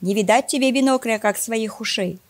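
A woman voicing a stubborn, teasing older brother in a children's story, in a raised, louder voice. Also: a little high, fairly quick, close to an everyday voice. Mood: taunting.

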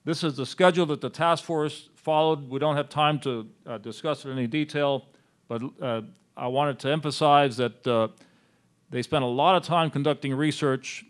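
A man presenting census figures at a city town hall meeting, speaking in a measured way with frequent pauses. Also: medium pitch, steady tone. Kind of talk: slide presentation on census data.

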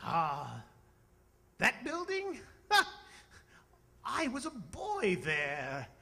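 An actor in a live staged radio drama playing a frightened, stammering old miser who pleads hesitantly. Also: male voice, high voice, huge pitch swings, very slow, gravelly, bright, forceful tone, slightly rough, in a large hall, exaggerated voice. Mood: wondering, wistful. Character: frightened, quavering old miser Ebenezer Scrooge. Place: on a theatre stage. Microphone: stand microphone with pop filter.

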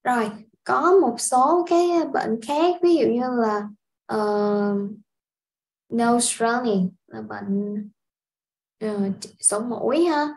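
A woman from Vietnam teaching a casual language lesson, explaining step by step in an unhurried way with frequent filler sounds. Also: a little high, vocal fry, rough recording. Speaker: English teacher.

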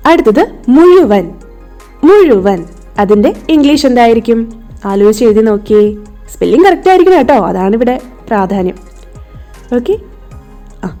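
A woman's voice: fairly high pitch, dark tone. A woman English tutor with a Malayali accent, patiently spelling words out letter by letter and checking that her young students understand. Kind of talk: online lesson for children. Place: home tuition setting.

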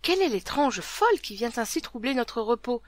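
A woman voicing a gruff, burly medieval lord, red-bearded and angry, speaking in loud growling outbursts in a storybook reading. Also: fairly high pitch, big pitch swings, a little fast, no echo.

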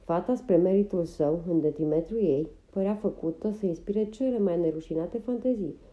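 A woman narrating a novel as an audiobook in a steady, even reading manner. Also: on the low side, lo-fi sound. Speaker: audiobook reader.

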